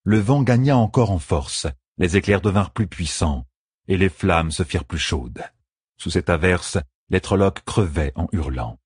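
A man narrating a fantasy novel in a measured, dramatic reading, close to the mic. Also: low voice, animated, breathy edge, dry recording. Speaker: audiobook narrator.

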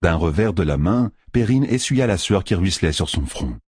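A man narrating an audiobook in an expressive storytelling manner. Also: low-pitched, normal speed, husky, dry recording, clean studio sound. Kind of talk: scripted narration.

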